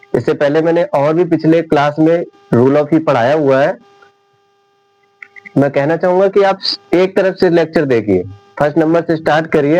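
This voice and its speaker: A man teaching an English lesson, talking slowly and deliberately and repeating each point. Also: fairly high pitch, a little mellow, poor audio. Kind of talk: classroom lecture.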